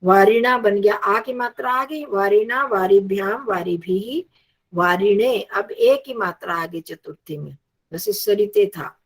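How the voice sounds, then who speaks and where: A woman's voice: mid-range voice, a little slow. A woman teaching a Sanskrit lesson, patiently reciting and drilling word forms aloud.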